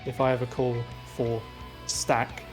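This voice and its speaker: A man in a group voice chat lays out raid positions in a methodical, patient way, one step at a time. His voice sits at an ordinary middle pitch, with soft game music playing faintly underneath. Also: level tone, measured pace. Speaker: raid leader.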